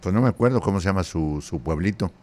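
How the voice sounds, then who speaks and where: An older man from Zacatecas, Mexico, speaking with a Mexican accent, hosts a live show and chats casually with his audience in a jovial, folksy way. His voice is low and darkish, fast, with lively intonation.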